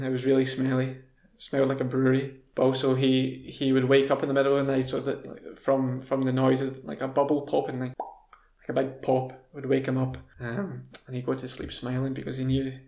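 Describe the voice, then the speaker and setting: A young man with a Scottish accent, telling relaxed, rambling stories in casual style for English learners. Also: medium pitch, roomy sound. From Scotland. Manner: relaxed, rambling, with fillers and restarts. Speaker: language video host.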